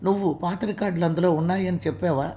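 Give me a woman doing a flustered, hot-tempered young man, mellow in tone. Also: lowish voice, fairly even intonation, fast talker, lightly acted. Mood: agitated. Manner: shouting, flustered.

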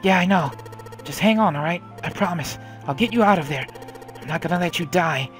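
A man voicing a desperate young man who shouts urgently while trying to save a girl. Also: a little high, expressive, moderate pace, music in the background, close to an everyday voice. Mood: determined.

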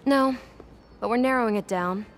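A woman's voice: on the high side, moderate pace, natural voice. A woman playing a sly, flirtatious cat burglar in a video game, guarded, with a cool teasing manner. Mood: serious. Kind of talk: video game cutscene acting. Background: game music.

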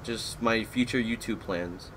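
A man's voice: lowish voice, unhurried, fairly bright tone, a little hiss or hum. Rambling twenty-something gamer man. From Florida, USA. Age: 20s. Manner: rambling, easily distracted by the match. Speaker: gaming YouTuber. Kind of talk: live gameplay commentary.

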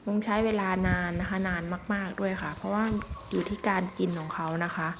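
A woman's voice: medium pitch, fairly even intonation, fairly quick, gravelly, noisy background. A woman chatting politely and casually as she narrates an outdoor vlog in the forest. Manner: chatty, polite, with frequent soft particles. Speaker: vlogger filming elephants.

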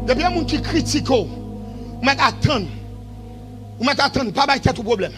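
A man preaching a revival sermon in a shouted, sing-song style that falls to quieter stretches. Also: extremely high pitch, animated, a little fast, music in the background.

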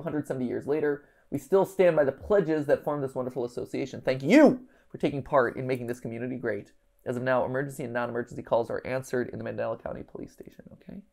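Casual live puzzle-solving commentary comes from a host in his thirties, speaking from an indoor livestream set. His mid-range voice is heavily creaky and a little mellow, and he mutters half-formed thoughts to himself while emphasizing what he reads out.

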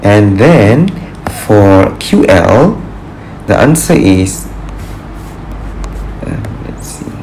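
A man's voice: on the low side, very animated, very slow, vocal fry, long pauses, darkish tone, slight background noise, low-quality recording. A man teaching an engineering tutorial over a screen recording, patient and thinking aloud with fillers as he works through problems. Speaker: engineering lecturer.

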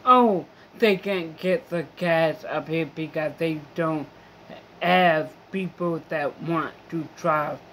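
A woman's voice: low-pitched, slow, a bit bright, slight background noise. A young woman vlogger in a rambling, profane, complaining monologue. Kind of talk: casual venting monologue.

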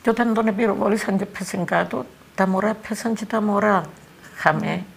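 Gravelly older Cypriot Greek woman. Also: medium pitch. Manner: halting, repeats words and phrases. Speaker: eyewitness interviewee. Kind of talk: emotional eyewitness testimony.

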